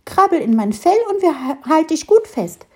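A woman voicing a lively, helpful young squirrel who calls out eagerly. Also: sits high, normal speed, pitched above the performer's own voice. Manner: eager, calling out brightly.

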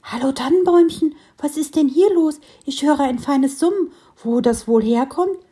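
A woman voicing a lively, helpful young squirrel who calls out eagerly. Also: sits high, normal speed, voice pushed up, lightly acted. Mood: curious. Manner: eager, calling out brightly.

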